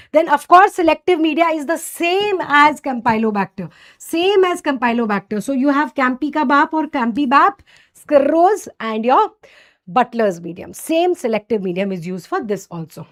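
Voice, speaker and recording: High-pitched North Indian woman lecturer. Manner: didactic, asks and answers own questions, frequent check-in tags like okay and right; mixes Hindi phrases into English. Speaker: medical lecturer. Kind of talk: exam-focused microbiology lesson.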